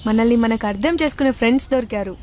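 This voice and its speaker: High-voiced, scolding Telangana woman. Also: rapid-fire, darkish tone, a little hiss or hum. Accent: Telangana Telugu. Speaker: friend in a comedy sketch. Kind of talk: scripted comedy sketch.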